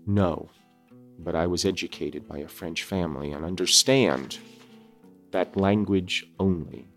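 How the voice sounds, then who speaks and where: A man plays a melancholy outcast creature from a gothic storybook, eloquent and earnest. The voice is fairly low, with solemn, formal, measured phrasing over music. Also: fairly bright tone. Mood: sorrowful, fearful.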